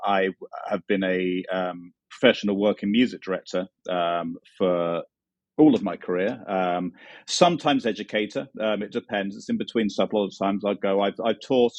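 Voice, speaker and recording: A man with a London English accent, talking casually and haltingly as an interview guest. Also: lowish voice, no room sound. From London, England. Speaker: music director and vocal teacher.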